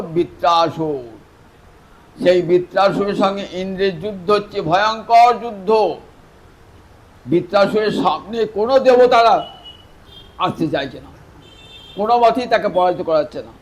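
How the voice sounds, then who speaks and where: A male preacher telling a devotional scripture story as a sermon, addressing his listeners directly and moving from soft, slow phrasing to louder, emphatic bursts. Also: high-pitched, poor audio. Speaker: Vaishnava preacher.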